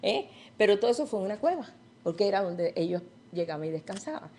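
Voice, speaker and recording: A woman's voice: mid-range voice, sing-song, quick pace, a little mellow, a little hiss or hum. A woman teaching a Bible study sermon, retelling stories and asking her listeners questions.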